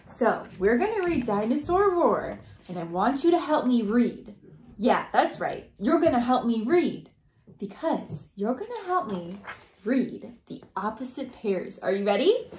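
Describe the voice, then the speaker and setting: A woman teacher reading a picture book aloud to young children, asking coaxing questions in a sing-song, animated way. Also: a little high, unhurried, echoey room, a little hiss or hum. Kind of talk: children's read-aloud lesson.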